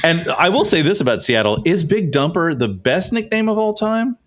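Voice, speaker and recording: A man's voice: on the high side, sing-song, moderate pace, fairly bright tone, a little hiss or hum. A man co-hosting a sports podcast in casual chat, laughing often and trailing off mid-sentence. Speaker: podcast co-host.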